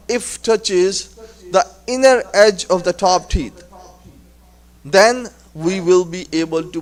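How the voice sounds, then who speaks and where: A man leads a Quran pronunciation lesson in a mosque. His voice sits fairly high, and he speaks slowly and patiently. He repeats letters and words again and again so the class can practice. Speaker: religious teacher.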